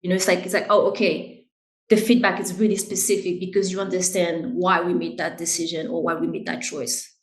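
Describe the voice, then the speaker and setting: A woman's voice: fairly low pitch, level tone, brisk, reverberant, poor audio. A woman who grew up in Haiti, the guest in an interview, explaining her work in an earnest, conversational way. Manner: earnest, explains with "right?" and "you know". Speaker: guest, brand director.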